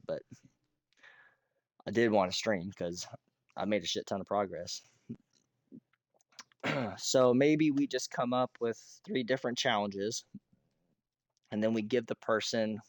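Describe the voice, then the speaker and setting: An American man with a hoarse, rough throat, chatting casually and ramblingly as he hosts a gaming livestream, often clearing his throat. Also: on the low side, no echo, clean studio sound. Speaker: streamer hosting a Minecraft realm.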